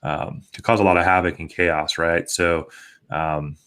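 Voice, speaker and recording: American male podcast host, very low voice, little pitch movement, loose rambling chat. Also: level tone, a little slow, fairly bright tone, smooth. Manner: rambling, peppered with conversational tags. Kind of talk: casual panel discussion.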